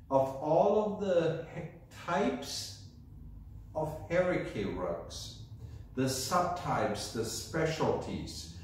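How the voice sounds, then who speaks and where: A middle-aged man with a German accent presents rugs in a slow, hesitant way, with frequent ums between phrases. His voice sits a little high for a man. The recording is very echoey, with the mic set well back from him. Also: slight background noise. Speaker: host of a rug channel. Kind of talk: casual presenting to camera. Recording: very echoey room, mic at a distance.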